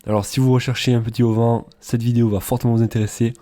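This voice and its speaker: Man, product review voice-over, very dark mellow tone, chatty, hesitant, relaxed. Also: mid-range voice, fast. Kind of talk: casual product comparison voice-over.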